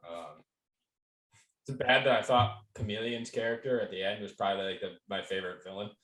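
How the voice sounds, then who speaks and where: A man's voice: on the low side, fairly even intonation, fairly quick, fairly bright tone, low-quality recording. A man co-hosting a casual podcast chat, rambling with lots of fillers and swearing. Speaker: podcast co-host.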